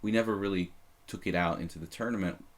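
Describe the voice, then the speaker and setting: This man in his thirties has a deep voice with fairly even intonation and talks at a quick pace. On a live stream he offers casual, rambling, self-deprecating commentary on his own chess games, with many fillers, restarts and a slight leftover cough.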